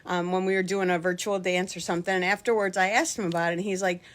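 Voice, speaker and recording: A middle-aged line dance instructor gives a casual, chatty tutorial to camera from her home basement, talkative and joking as she acts out voices in her anecdotes. She talks fast with a fairly low pitch and fairly even intonation.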